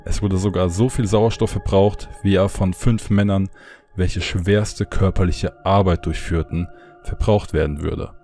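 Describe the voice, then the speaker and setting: A man reading a horror story aloud in calm, measured narration. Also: low-pitched, faint music behind.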